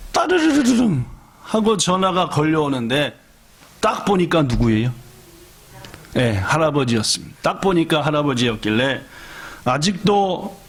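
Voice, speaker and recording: A man's voice: a little high, a bit bright. A man, a pastor, telling a story in a sermon and asking the audience questions as he goes.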